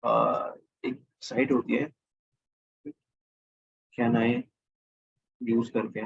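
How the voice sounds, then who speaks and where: Husky man teaching coding, thinking aloud. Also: medium pitch, big pitch swings, very slow, muffled recording. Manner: thinks aloud, corrects himself mid-sentence. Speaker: programming teacher. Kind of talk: casual screen-recorded coding lesson.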